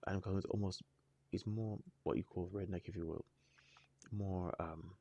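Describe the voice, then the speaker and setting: A man hosting a music reaction video, chatting casually and thinking aloud in halting, rambling sentences with frequent restarts. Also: deep voice, steady tone, warm tone, muffled recording. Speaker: music reaction channel host.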